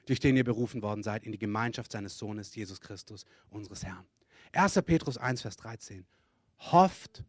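A man's voice: mid-range voice, no echo, clean studio sound. A man preaching a sermon and leading an altar call and prayer, with urgent, repeated pleading calls.

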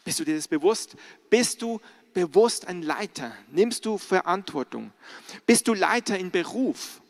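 A man's voice: high voice, animated, unhurried, gravelly. A middle-aged man preaching a sermon as pastor, earnestly putting direct questions to the congregation.

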